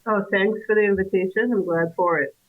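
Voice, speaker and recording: Halting woman guest on a tinny line. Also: medium pitch, steady tone. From Trinidad. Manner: thoughtful, halting, many fillers and restarts. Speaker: guest, independent scholar. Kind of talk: casual interview conversation. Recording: tinny phone-like remote call line.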